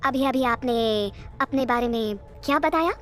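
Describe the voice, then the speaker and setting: A woman's voice: on the high side, measured pace, fairly bright tone, faint music behind. A woman voicing an irritated young male boss, incredulous and exasperated.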